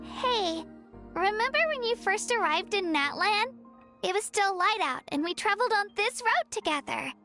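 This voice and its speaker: An actress voices a cheerful, earnest young girl companion in game dialogue, sweet, encouraging and a little shy. Her voice is very high, animated, pushed and bright, fully in character at a normal speed, with background music underneath.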